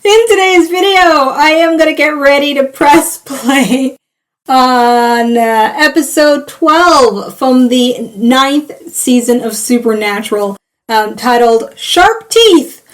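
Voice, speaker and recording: A young woman hosting a reaction video, chatting casually with animated exclamations and laughter. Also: high voice, takes it slowly.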